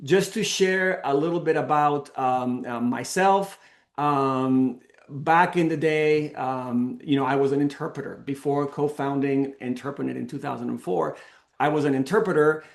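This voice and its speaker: A man's voice: mid-range voice, moderate pace, creaky, roomy sound. A middle-aged man from the Canary Islands, a company founder telling his story in a casual presentation, with many restarts and fillers. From Canary Islands, Spain. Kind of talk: casual presentation on a video call.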